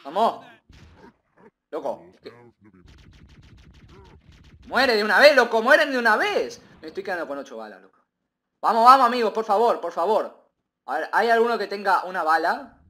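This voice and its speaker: A man giving excitable, rambling gameplay commentary, repeating himself and bursting into shouts. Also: sits high, moderate pace, long pauses. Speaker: gaming video creator.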